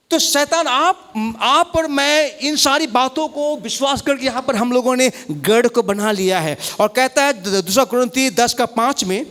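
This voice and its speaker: High-pitched preaching man, fervent pastor. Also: fairly bright tone. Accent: Indian English. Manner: preaching fervently, calling on the congregation to repeat words. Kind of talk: sermon. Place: church hall.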